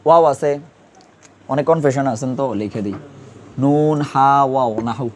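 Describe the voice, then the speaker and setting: There's a faint hiss or hum behind a mid-range male voice at normal speed. He teaches Urdu grammar in everyday language, patiently drilling pronunciation through repeated questions to his students.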